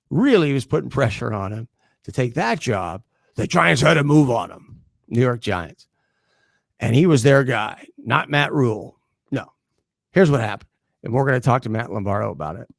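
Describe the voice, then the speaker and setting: A middle-aged man hosts a sports talk show from a close studio mic, in a gravelly, slightly creaky voice at an ordinary pitch. He talks in a sarcastic, animated way and chuckles as he goes. The sound is dry and close. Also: unhurried, no room sound. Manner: sarcastic, animated, laughs while talking.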